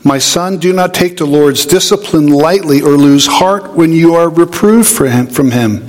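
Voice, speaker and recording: High-voiced man preaching in a reverberant hall. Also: moderate pace. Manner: animated storytelling, acts out voices in anecdotes. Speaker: pastor. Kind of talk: sermon.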